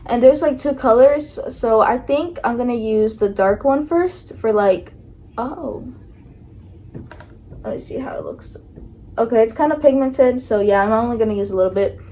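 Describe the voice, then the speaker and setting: A woman's voice: fairly high pitch, moderate pace, warm tone, rough recording. A young woman talking casually and nervously through a makeup tutorial, filling her talk with likes and ums. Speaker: beauty vlogger.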